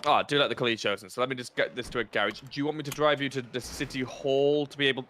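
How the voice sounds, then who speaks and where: Brisk bright-voiced man. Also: mid-range voice, steady tone, slight background noise. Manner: brisk, chatty, polite, calls people sir. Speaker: roleplay player as lawyer. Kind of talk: in-character roleplay chat.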